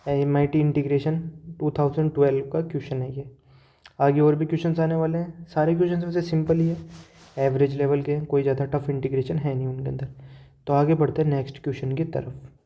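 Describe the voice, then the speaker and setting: Recorded with the highs cut off, a man with a high-ish voice and a Hindi-speaking Indian accent explains calculus step by step at a whiteboard. He writes as he goes, weaving English math terminology into his explanation.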